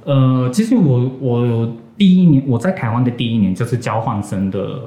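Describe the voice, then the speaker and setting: Speaking at normal speed in a mellow, mid-range voice, a young graduate student from Japan hesitantly searches for words in Mandarin, his second language. His Japanese accent carries a slight Taiwanese influence, and the casual podcast interview sounds roomy and echoey.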